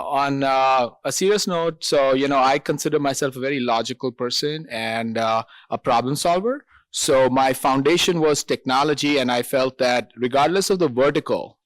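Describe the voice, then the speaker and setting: Measured man, close and dry. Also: mid-range voice, dry recording. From India. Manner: measured, logical, with light laughs. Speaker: founder and CEO, panelist. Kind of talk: panel discussion.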